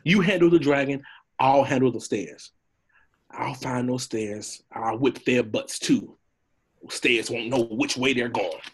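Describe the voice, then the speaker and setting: A man voicing a talkative, cowardly donkey in a read of an animated film script, with a husky voice and a jittery, rambling, wheedling manner. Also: mid-range voice, a little slow. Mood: cocky.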